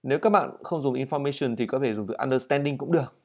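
A man with a medium-pitched, darkish voice teaches English words and how to say them. He articulates each one slowly and clearly, then explains it rapidly.

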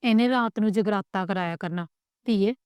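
A woman voicing a doting older village grandmother who scolds tenderly and mutters low, in a storybook reading. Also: moderate pace, darkish tone, smooth, no echo, clean studio sound, lightly acted. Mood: fussing, scolding.

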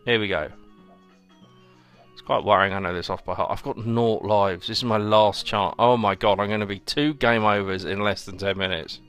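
A man's voice: fairly low pitch, fairly even intonation, moderate pace, a bit bright, clear, resonant tone. A young man giving chatty, sarcastic commentary while he plays a video game and talks to his viewers. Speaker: host playing a video game. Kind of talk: let's play commentary. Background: faint game music.

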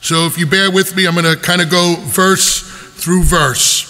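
A man's voice: high-pitched, steady tone, a little slow, sharp tone. A male priest giving a conversational homily in a church, explaining scripture verse by verse like a teacher. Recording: long church reverb.

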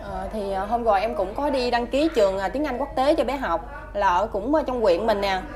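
Woman, Southern Vietnamese accent, slightly high voice, hesitant, polite, filler-heavy speech. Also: a little fast, crowd noise. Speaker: mother of the child, interviewee. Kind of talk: casual interview answers.

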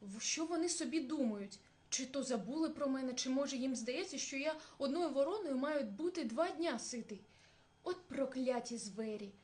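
A woman voicing a fierce, hungry male bear who shouts threats. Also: high-pitched, lively intonation, moderate pace. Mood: angry.

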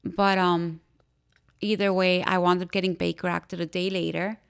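A young woman from Miami, telling her own story as a podcast interview guest in a candid, halting way, with frequent fillers and restarts. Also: on the low side, level tone, vocal fry, clean tone. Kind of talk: personal testimony in a podcast interview.

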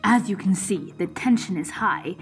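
Woman as a dramatic reality TV announcer, mid-pitched. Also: expressive, moderate pace, soft background music, lightly acted, rough recording. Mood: dramatic hype. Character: female reality TV show announcer and host. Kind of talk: dramatic scripted TV show narration.

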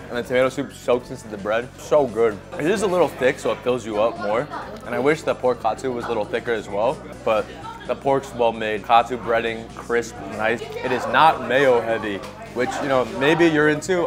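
A man's voice: mid-range voice, a little fast. Young man, casual food vlog, joking laid-back talk, clip-on mic, music underneath. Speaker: food vlogger. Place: outdoors on a city street, then inside a busy small restaurant. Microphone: small clip-on mic on shirt.

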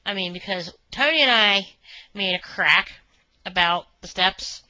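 Chatty woman, bright dry voice. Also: mid-range voice, measured pace, dry recording, low-quality recording. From Northern Kentucky, USA. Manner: chatty, meandering, many fillers like "you know". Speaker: vlogger reviewing a restaurant. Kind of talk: rambling casual monologue.

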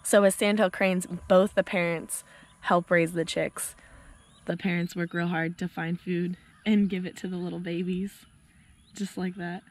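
A young woman, a biology student, who is hoarse and losing her voice, chatting enthusiastically outdoors on a golf course as she explains the wildlife around her. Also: lowish voice, level tone, a little slow. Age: young adult. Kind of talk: casual outdoor nature vlog.

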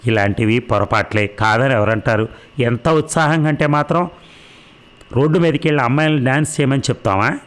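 A man voicing a calm older husband and father in a read-aloud novel, speaking in a patient, persuasive way. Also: mid-range voice, brisk, natural voice. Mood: reasoning.

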